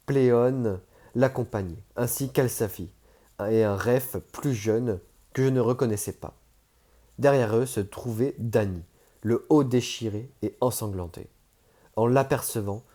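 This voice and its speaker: A man narrating a first-person novel as an audiobook, measured and steady. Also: mid-range voice.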